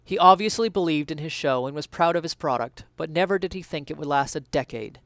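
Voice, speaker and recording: A man gives a dramatic reading of an essay, his phrasing earnest, deliberate and theatrical. His voice is slightly high, clean, resonant and fairly bright. The recording is close and dry, with no room sound.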